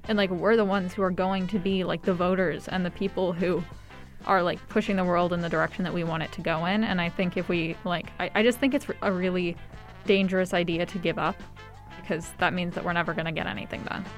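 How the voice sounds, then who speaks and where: A woman's voice: fairly low pitch, steady tone, fairly quick, faint music behind. Earnest teenage girl, lots of fillers. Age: teens. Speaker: high school student interviewee. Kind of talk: casual interview.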